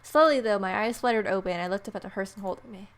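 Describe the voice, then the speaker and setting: A wry woman with a medium-pitched, rapid-fire voice reads a visual novel aloud. A gamer and video host, she gives a playful, expressive let's-play reading with casual asides.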